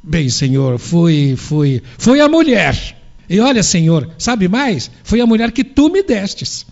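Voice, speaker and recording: A man's voice: high-pitched, sing-song, slow, creaky, a little mellow, full character voice. A preacher voicing a guilty Adam, a grown man who makes sheepish, pleading excuses. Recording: dull lo-fi recording.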